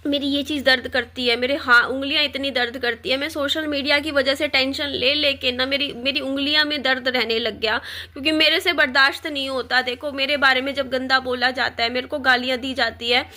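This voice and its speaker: A young woman vlogger rants emotionally straight to camera, distressed and defiant, pleading and repeating herself as she complains about being insulted. Her high, bright, pushed voice stays steady in tone and moves briskly, with hardly any pauses.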